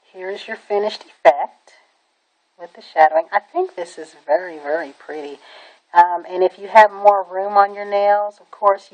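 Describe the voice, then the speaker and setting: A woman with a somewhat low-pitched voice walks through a nail stamping tutorial in a relaxed, chatty way. She talks while she works, often pausing on an "um" and gushing "really, really" about what she likes. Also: lo-fi sound. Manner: chatty and enthusiastic, with many "um"s and repeated "really, really". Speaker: nail art tutorial maker. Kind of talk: casual how-to demonstration.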